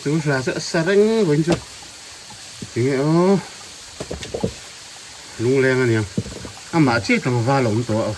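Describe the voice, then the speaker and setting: A man's voice: mid-range voice, slow, long pauses. A man chatting casually outdoors, tossing short calls back and forth with his companions. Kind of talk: casual chat while out in the field. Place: outdoors near water. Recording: noisy outdoor recording, running water.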